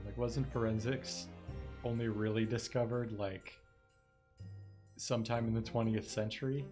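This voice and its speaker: A man giving casual, rambling asides while streaming a game playthrough, over game music. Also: lowish voice. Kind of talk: live game playthrough commentary.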